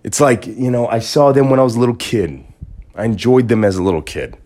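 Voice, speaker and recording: A man hosting a podcast, talking in a rambling, joking casual monologue with big swings in pitch. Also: brisk, mellow. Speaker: podcast host.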